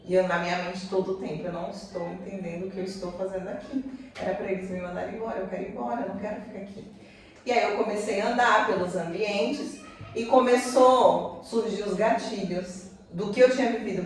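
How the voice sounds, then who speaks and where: A woman giving a personal testimony as a guest, telling her story in an animated way and acting out the conversations. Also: mid-range voice, quick pace. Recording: echoey room, far from mic.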